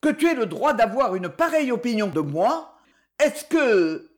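A woman's voice: a little high, sing-song, measured pace. A woman reading an audiobook, voicing a proud, desperate young woman who pleads with her rich father. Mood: indignant. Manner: pleading, raised and emotional.

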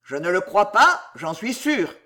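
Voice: medium pitch, big pitch swings, unhurried, pushed and bright. A narrator voicing a terse, suspicious male peasant in an audiobook. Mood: curt. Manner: curt, terse replies. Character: gruff curt red-haired male peasant.

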